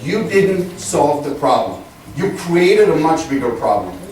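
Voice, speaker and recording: Over a noisy crowd, a Texas-raised resident speaks up at a town meeting, his voice a little high with big pitch swings at a measured pace. His comment is indignant and emphatic, packed with pointed questions, and the echoey hall captures him from a distance with faint noise.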